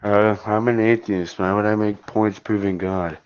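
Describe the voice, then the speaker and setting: A man's voice: on the low side, fairly even intonation, moderate pace, smooth, dry recording, dull audio. A man in casual online voice chat, talking in a laid-back, mumbling, dismissive way. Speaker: voice chat debater.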